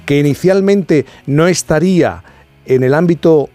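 Man, radio host, measured, explanatory, faint background music. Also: a little high, mellow. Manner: measured, explanatory, cites figures. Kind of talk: radio talk show.

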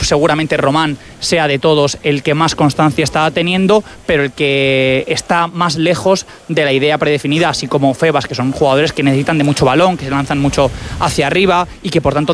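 A man's voice: a little high, a little hiss or hum. A man with a Spain accent giving articulate, wordy football analysis on sports radio.

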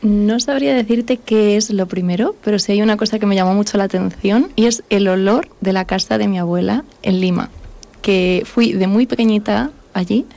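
A woman from Spain, a yoga teacher, giving brief, soft-spoken answers as a radio guest. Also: mid-range voice, creaky. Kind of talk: radio interview.

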